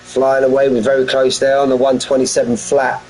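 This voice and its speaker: A man's voice: mid-range voice, monotone, fairly quick, darkish tone, soft background music, poor audio. A man giving informal, matey live commentary on an online racing league, chatting to the drivers like mates. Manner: matey, addresses drivers as mate, lad and bud.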